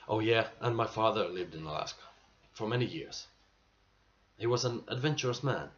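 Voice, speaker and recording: A man playing an aging, nostalgic salesman in a dramatic stage monologue, earnest and halting, with emphatic bursts. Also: on the low side, animated, a bit bright. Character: aging male salesman, nostalgic, pleading, weary pride. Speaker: actor performing a monologue. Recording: muffled amateur recording with clear background noise.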